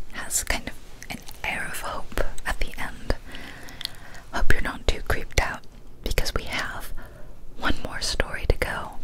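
Whispering breathily and gently into a close boom-arm studio mic, a young ASMR creator tells scary stories in a careful, hushed style. She's indoors in a small decorated room. The audio is poor.

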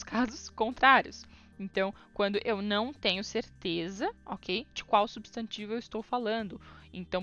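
Young Portuguese-speaking woman, bright and a bit high, casual English teacher; lo-fi recording, faint music. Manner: explains in Portuguese, reads English examples slowly, often asks "ok?". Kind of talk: casual video lesson.

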